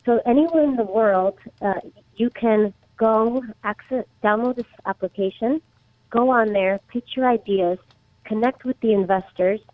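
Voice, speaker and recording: A woman in her thirties talks through her answers on a tinny, phone-like line. She is from the Czech Republic and often pauses and restarts her sentences. The sound is dry, with no room around it. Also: on the high side, no room sound. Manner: hesitant, many restarts and fillers. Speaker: startup guest. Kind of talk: casual interview answers.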